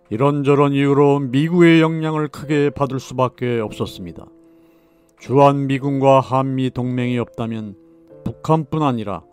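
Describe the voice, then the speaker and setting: A man gives a steady, solemn documentary narration at a mid-range pitch. His delivery is measured and scripted, like a channel voice-over. Soft music plays faintly underneath. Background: faint background music.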